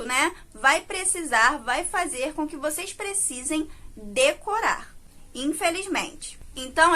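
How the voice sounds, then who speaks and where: Woman teacher, recorded lesson, patient explanations, tag questions, high voice. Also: pushed and bright. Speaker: Portuguese teacher.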